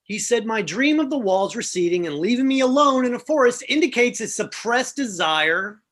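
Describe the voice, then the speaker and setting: Sheepish husband in a comic play reading, halting, lively pitch; a woman reads him. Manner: halting, hesitant delivery. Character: hesitant, sheepish husband, man.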